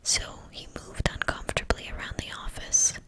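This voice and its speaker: A woman reading a novel aloud as ASMR in a hushed, breathy whisper. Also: moderate pace. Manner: hushed, fully whispered narration.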